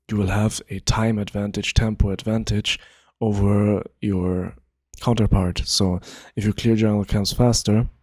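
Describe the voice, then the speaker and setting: A man giving a relaxed, rambling explanation of a game concept, full of fillers and loose asides as he talks. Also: on the low side, dry recording, studio quality. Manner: laid-back, rambling, many fillers. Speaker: gaming video creator. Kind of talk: casual explainer monologue.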